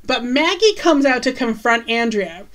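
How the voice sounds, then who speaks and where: A woman co-host talks through an episode in relaxed conversation. Her voice sits a little high, and she keeps the recap moving with chatty asides. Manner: chatty, recounts scenes with quick asides and laughs. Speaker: podcast co-host. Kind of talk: casual chat recapping a TV episode.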